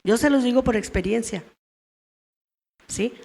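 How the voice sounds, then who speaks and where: A woman's voice: fairly high pitch, unhurried, creaky, dark tone. A middle-aged woman teaching a women's church meeting in a conversational way, often asking her listeners questions. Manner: conversational, asks the audience questions. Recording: long reverb of a church hall.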